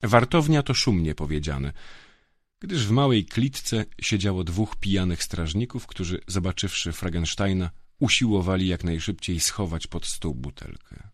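A man narrating a first-person fantasy audiobook in a measured, dryly ironic manner. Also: deep voice, expressive, no echo, studio quality.

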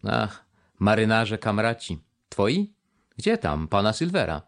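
A man's voice: fairly low pitch, huge pitch swings, takes it slowly, vocal fry, exaggerated voice. A man voicing a sullen young red-haired sailor lad who answers curtly and evasively, reading an audiobook.

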